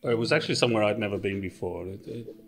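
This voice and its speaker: A man's voice: on the low side, very fast, faint music behind. A middle-aged man from Wales with a Welsh accent, a podcast guest chatting casually and thinking aloud with many fillers and restarts. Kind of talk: casual interview chat.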